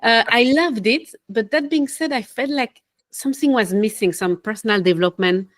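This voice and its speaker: A young woman from Switzerland, a life coach and podcast guest, talking in an animated, casual way with small laughs and self-corrections. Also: a little high, moderate pace. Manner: animated, laughs between phrases, loses her train of thought. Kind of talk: casual interview talk.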